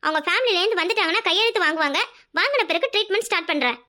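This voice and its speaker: A woman's voice: extremely high pitch, expressive, very fast, sharp tone, full character voice. A woman voicing a strict female hospital doctor in a cartoon, scolding and businesslike. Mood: stern. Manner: stern, scolding. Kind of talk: cartoon voice acting.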